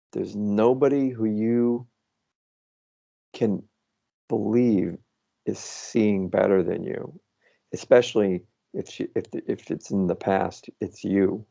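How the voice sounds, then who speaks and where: A man speaks slowly and patiently, coaching someone through self-inquiry and thinking aloud as he goes. His voice is low, dark and gravelly. The sound comes through a muffled, lo-fi video call. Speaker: facilitator guiding self-inquiry.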